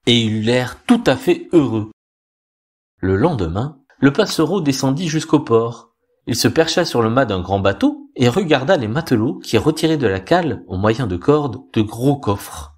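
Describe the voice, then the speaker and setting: Un homme qui lit un conte de fées à voix haute, d'un ton calme, mesuré et expressif. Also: male voice, mid-range voice. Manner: calm, measured, expressive. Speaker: storyteller. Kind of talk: reading a fairy tale aloud.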